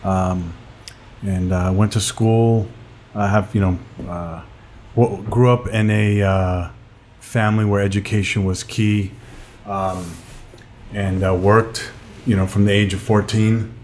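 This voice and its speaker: A man's voice: lowish voice, steady tone, slow pace, a little mellow, a little hiss or hum. A middle-aged man from Glendale, California, a sales coach speaking unhurriedly as a podcast guest, with many fillers and restarts. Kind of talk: casual interview.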